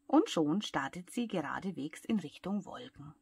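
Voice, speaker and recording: A woman with a German accent reading a bedtime story to young children in a soft voice that often drops to a whisper. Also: low-pitched, expressive, normal speed, vocal fry, breathy edge, no echo. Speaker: childcare worker reading aloud.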